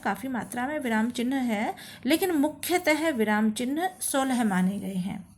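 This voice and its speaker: A woman teacher walks her students through a grammar lesson at an unhurried pace. Her voice sits a little high, and she leans hard on each example phrase. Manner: slow, deliberate explaining, stresses example phrases. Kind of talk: classroom lesson.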